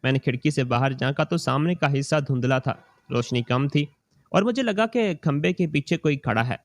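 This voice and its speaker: A man reading a scripted moral story in the first person, slow and steady. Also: mid-range voice, no room sound.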